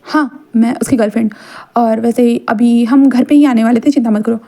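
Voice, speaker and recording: A woman's voice: a little high, fairly even intonation, normal speed, warm tone, close to an everyday voice. Woman doing a breezy young girlfriend on the phone.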